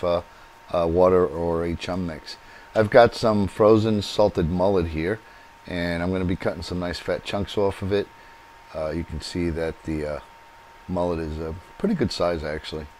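This do-it-yourself video features a man with a deep, slightly mellow voice explaining each step as he works by hand at a workbench in his home workshop. The DIY channel host gives a hands-on how-to demonstration, and a little hiss or hum can be heard.

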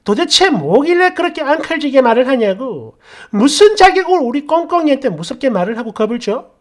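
A woman voicing a furious, rude middle-aged mother who yells and sneers insults, in a storytelling reading. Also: lively intonation, normal speed, lightly acted. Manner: shrill yelling, sneering.

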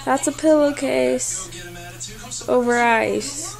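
A woman's voice: sits high, slow pace, gravelly, poor audio. A woman chatting casually as a companion, asking questions and offering help. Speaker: companion helping a patient. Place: small hotel room.

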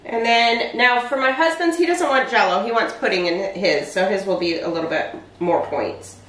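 Chatty woman doing meal prep in her kitchen, bright voice, picked up from across the room. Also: mid-range voice, lively intonation, moderate pace. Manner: chatty, explains each step. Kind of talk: casual cooking demonstration. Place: home kitchen, indoors. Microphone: far camera. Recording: echoey kitchen from a distance.

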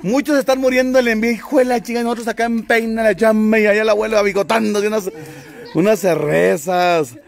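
Jovial man, high voice. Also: steady tone, quick pace, gravelly. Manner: jovial, greets viewers by name, teasing banter. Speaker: vlogger and livestream host. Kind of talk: casual livestream chat.

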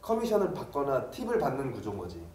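A man's voice: medium pitch, wildly swooping pitch, fast talker, crowd noise. A man with a South Korean accent asking questions in a casual interview, recorded from a distance in a room. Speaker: interviewer off camera. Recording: distant roomy mic, faint background noise.

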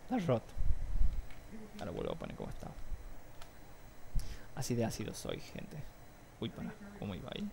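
A man's voice: lowish voice, brisk, gravelly, pauses often. A young man with an Argentine accent chatting casually to his viewers from home, telling stories with sound effects on a cheap mic. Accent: Argentine Spanish. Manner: excitable storyteller, mimics noises and shouts. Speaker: gaming vlogger. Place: room at home with a fan running. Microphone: cheap desktop mic. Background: faint fan hum.

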